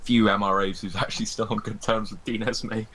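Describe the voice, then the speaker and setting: A man speaking as a podcast guest in a halting way, searching for words. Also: fairly low pitch, level tone, fairly bright tone, a little hiss or hum. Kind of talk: casual podcast chat.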